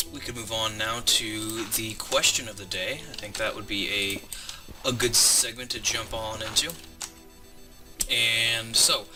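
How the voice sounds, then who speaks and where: Far from the microphone, a man in his twenties with a mid-range voice narrates gameplay for a Let's Play. He's in a home room with a squeaky chair, rambling through a joke and stopping partway through a sentence to count aloud.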